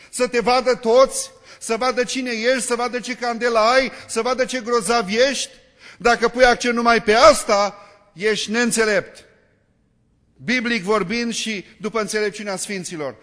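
A man's voice: extremely high pitch, a bit bright. A man preaching a sermon, driving his point home with repeated rhetorical questions and emphatic lists. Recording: long reverb of a large hall.

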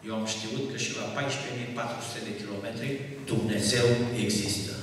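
Emphatic preacher in an echoing hall. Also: male voice, fairly low pitch, steady tone, a little hiss or hum. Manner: emphatic, rising to loud exclamations. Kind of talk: sermon testimony. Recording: echoey hall, distant mic, faint ambience.

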